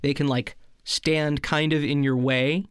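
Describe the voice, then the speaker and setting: Deadpan comic host, man, slightly higher voice, dry close studio sound, fake-soothing meditation delivery. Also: a little slow, clear, resonant tone, no echo. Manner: deadpan, soothing parody, breaks into banter. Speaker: comedy podcast co-host. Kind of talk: mock guided meditation, deadpan comedy.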